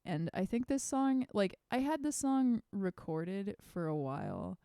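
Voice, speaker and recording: A woman's voice: mid-range voice, very animated, a little slow, mellow, clear, resonant tone, dry recording, studio quality. A young woman hosting her own livestream, talking over a home streaming mic in a meandering, self-effacing way. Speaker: musician streaming her release party. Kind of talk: casual livestream chat.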